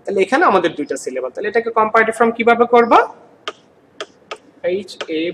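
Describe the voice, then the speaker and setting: A man from Bangladesh teaching an English grammar lesson in Bengali. He repeats words slowly and asks the class questions as he goes. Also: sits high, lively intonation, a bit bright, a little hiss or hum, rough recording.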